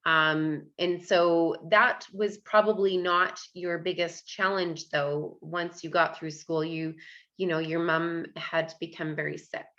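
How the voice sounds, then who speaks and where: A woman's voice: lowish voice, level tone, slow pace, fairly bright tone, muffled recording. A woman hosting an interview podcast, chatty and encouraging, with many fillers. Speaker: podcast host.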